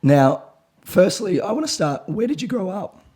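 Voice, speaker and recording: A man with a hoarse, raspy voice hosts a casual podcast chat. His tone is dark and mellow, but his pitch jumps around a lot as he jokes with his guest. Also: sing-song, moderate pace. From Australia. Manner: jokey, chatty interviewer. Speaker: podcast host.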